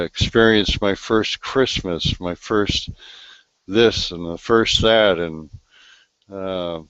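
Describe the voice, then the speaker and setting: Male host, low voice, dry close audio, unhurried and musing. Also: fairly bright tone, dry recording, lo-fi sound. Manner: slow, reflective, trailing delivery with fillers. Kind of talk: live online talk show chat. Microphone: video call.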